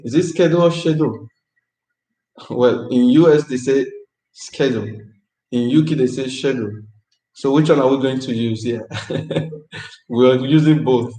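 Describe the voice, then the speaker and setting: A man's voice: mid-range voice, darkish tone. Upbeat man hosting a live chat, roomy echo. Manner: repeats phrases, chatty and upbeat.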